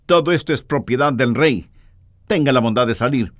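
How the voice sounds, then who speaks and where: A man's voice: mid-range voice, no room sound, clean studio sound, close to an everyday voice. A man voicing a stern palace gardener who orders a woman out firmly. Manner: brisk, firm.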